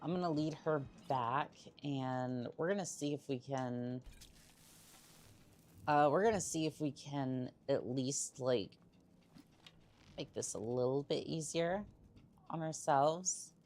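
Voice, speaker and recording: A woman's voice: very deep voice, slow pace, pauses often, a little mellow, slight background noise. A woman livestreaming a video game, chatting casually with playful teasing and hesitant musing aloud. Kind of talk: casual chat over gameplay with in-character asides.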